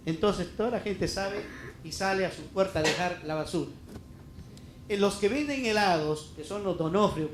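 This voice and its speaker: A man's voice: high voice, reverberant, slight background noise. A middle-aged Peruvian man preaching a heartfelt, emphatic sermon as a pastor, full of rhetorical questions. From Peru. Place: church hall.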